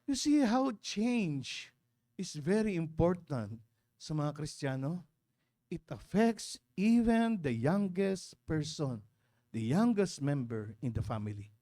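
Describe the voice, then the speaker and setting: A man with a Filipino accent preaching a sermon in a church, mixing in English, calling out to the congregation and swinging between loud exclamations and hushed asides. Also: a little high, big pitch swings, takes it slowly. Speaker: pastor.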